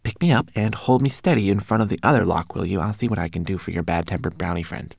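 A man's voice: deep voice, fast, vocal fry, darkish tone, husky, no echo, clean studio sound, exaggerated voice. A man voicing a tiny, polite and clever male homunculus who is timid and courteous, a little conceited.

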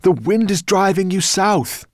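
A man's voice: mid-range voice, fast talker, slightly rough, dry recording, clean studio sound, pitched above the performer's own voice. A man voicing an anxious young boy in a storybook reading, urgent and worried. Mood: shouting. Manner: worried, urgent whispers and shouts. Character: anxious brave young boy riding a dragon.

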